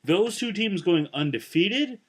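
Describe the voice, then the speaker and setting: A man's voice: high-pitched, lively intonation, a bit bright. A young man chatting about sports with friends on a casual show. He hedges a lot, trails off and restarts, and laughs through his points. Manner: halting, hedging, laughs often. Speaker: sports talk show co-host.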